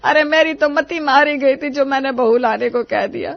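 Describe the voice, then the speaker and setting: A woman does cartoon voice acting as a whiny, dramatic elderly mother-in-law, wailing and complaining. Her voice is high-pitched and creaky at a moderate pace. It's a dull, dry studio voice-over with no room sound.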